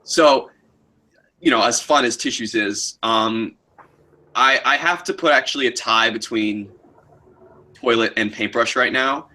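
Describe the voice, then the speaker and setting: A man's voice: mid-range voice, unhurried, pauses often, pushed and bright. A man co-hosting a casual livestream Q&A, talking about voicing characters and laughing often. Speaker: co-host, voice actor.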